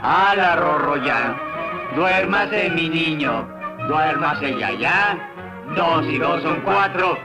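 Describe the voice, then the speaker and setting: An actor with a Latin American accent voicing a dopey, quarrelsome two-headed giant in a dubbed cartoon. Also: male voice, on the high side, lively intonation, takes it slowly, poor audio. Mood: doting, silly. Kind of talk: cartoon dub acting. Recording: old cartoon soundtrack, loud music behind.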